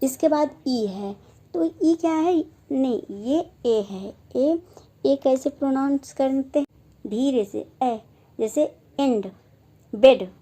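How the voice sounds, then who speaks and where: Young female teacher with a fairly high, mellow voice, slow and repetitive, sounding out example words. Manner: slow, repetitive, says each example word aloud. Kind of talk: phonetics lesson explained in Hindi.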